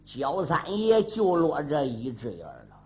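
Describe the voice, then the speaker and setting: A man performing a traditional story, animated, with sound effects and asides to listeners. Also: on the high side, unhurried. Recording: dull sound, faint music.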